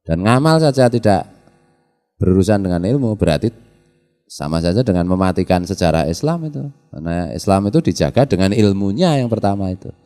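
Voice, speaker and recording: A man's voice: deep voice, expressive, a little fast, warm tone. A middle-aged man with a Javanese accent, a kyai giving a folksy religious lecture in a pesantren, mixing in Javanese and asking the audience questions. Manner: folksy, mixes Javanese into Indonesian, asks the audience rhetorical questions. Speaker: kyai teaching a pesantren study circle. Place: prayer hall of a traditional boarding school. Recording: reverberant hall.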